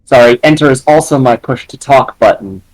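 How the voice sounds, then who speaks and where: A man's voice comes through a choppy online group voice chat that keeps breaking up. He sounds flustered and talks through a problem as he goes. His pitch sits at a middling level. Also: a little fast, dry recording, poor audio. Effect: laggy online group voice chat, cutting out. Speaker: tabletop game player. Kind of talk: casual chat during an online tabletop game.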